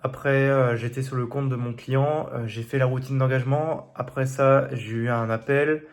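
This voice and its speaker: A young adult male vlogger, congested with a head cold, rambles through a casual diary entry into a phone held facing him. His mid-range voice is steady and moves at normal speed, full of fillers and restarts.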